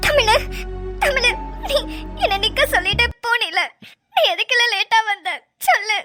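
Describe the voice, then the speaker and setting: A sobbing, very high young woman. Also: lively intonation, measured pace, over music. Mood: tearful. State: crying. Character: young woman, upset and tearful. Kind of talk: cartoon voice acting.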